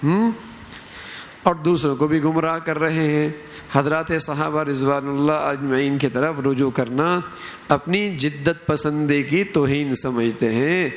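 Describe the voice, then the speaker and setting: Preaching with emphasis in a hall full of long reverb, a middle-aged man speaks in a fairly even, higher-than-usual voice. He lifts it further to dramatize the phrases and examples he quotes.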